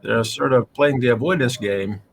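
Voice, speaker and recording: A man's voice: mid-range voice, normal speed, creaky, poor audio. A man commentating a live game tournament, joking and teasing his co-host between calls. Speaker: esports commentator.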